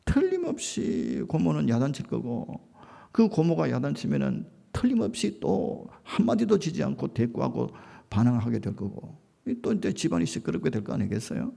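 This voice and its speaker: A man's voice: medium pitch, big pitch swings, normal speed, creaky, warm tone. A man preaching a sermon as a pastor, telling a story with rising emphasis and acted-out quotes.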